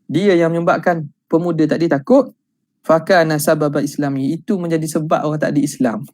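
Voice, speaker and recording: A man's voice: a little high, no echo. A male religious teacher with a Terengganu Malay accent, reading classical Arabic text and explaining it in a casual, conversational way, with rhetorical questions.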